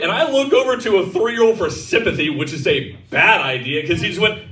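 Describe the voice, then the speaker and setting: Brash stand-up comic, echoey club. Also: male voice, sits high. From Texas. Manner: brash, self-mocking, crude punchlines. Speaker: stand-up comedian. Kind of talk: stand-up comedy set. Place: comedy club stage. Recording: roomy club sound from a distance.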